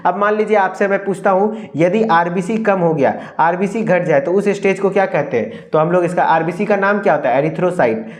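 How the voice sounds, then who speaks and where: A man's voice: high-pitched, fairly quick, hardly any pauses. A young man with a Hindi accent giving an exam-prep lecture as a pharmacy tutor, asking questions and answering them himself and repeating key terms.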